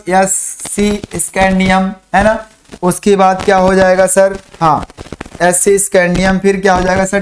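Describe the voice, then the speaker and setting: High-pitched guy teaching chemistry, keeps asking "what?" and spelling out memory tricks slow. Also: a little hiss or hum. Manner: drills mnemonics, repeats phrases slowly for dictation; asks and answers his own questions. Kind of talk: online classroom lesson.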